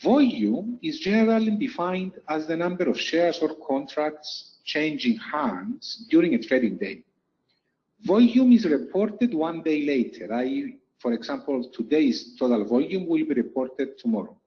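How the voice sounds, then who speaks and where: A man's voice: on the high side, expressive, measured pace, highs cut off. A man teaching a lesson over chart slides, explaining step by step and repeating key points for emphasis. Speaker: trading instructor.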